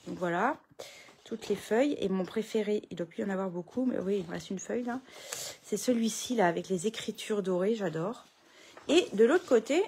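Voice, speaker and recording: A woman's voice: medium pitch, darkish tone, husky. A middle-aged woman, chatting casually through a papercraft tutorial from her home craft room, full of fillers and restarts.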